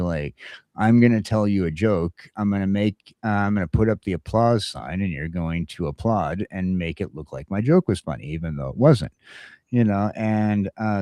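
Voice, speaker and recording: Hosting an easygoing morning talk show, this man has a very low, dark voice and a casual, stop-and-start delivery, repeatedly coming back to his strong opinions. His audio is close, very dry and echo-free.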